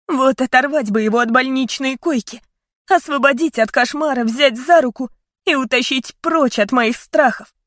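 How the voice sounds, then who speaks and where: A woman's voice: sits high, moderate pace, fairly bright tone, dry recording, studio quality. A woman narrating an audiobook in first person, earnest and heartfelt.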